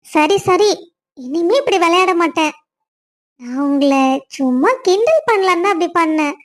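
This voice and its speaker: A woman's voice: very high-pitched, animated, normal speed. A woman voicing a playful, teasing young wife in a cartoon story, coaxing and affectionate. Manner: teasing, sing-song, coaxing. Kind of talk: cartoon voice acting.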